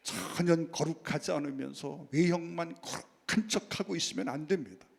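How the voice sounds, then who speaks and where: A man's voice: fairly high pitch, normal speed, vocal fry, husky, long reverb tail. A man preaching a sermon as pastor, often calling out to the congregation and answering his own questions. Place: church sanctuary.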